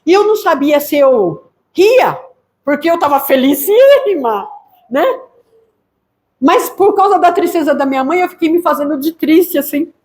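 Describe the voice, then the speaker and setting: A woman missionary pastor with a Brazilian Portuguese accent, telling her church testimony in a lively way and acting out voices. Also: high-pitched, moderate pace. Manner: lively storytelling, acts out quoted voices.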